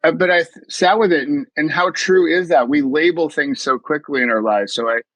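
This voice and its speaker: A man's voice: fairly high pitch, fairly quick, fairly bright tone, dry recording, rough recording. Middle-aged man, mindfulness coach, earnest and reflective, interview guest, dry close sound. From US East Coast. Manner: earnest, reflective, with frequent restarts. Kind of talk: interview storytelling.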